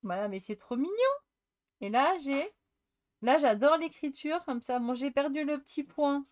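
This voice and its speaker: A woman's voice: sits high, normal speed, a little mellow. A middle-aged woman chatting casually as she shows her crafts, thinking aloud and mocking herself. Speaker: crafting video host.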